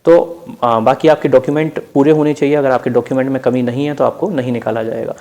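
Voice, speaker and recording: An Indian-accented man gives an informal instructional talk for exam preparation, narrating over slides and addressing listeners as friends while mixing in English terms. He talks fast, with a warm, steady, mid-range voice.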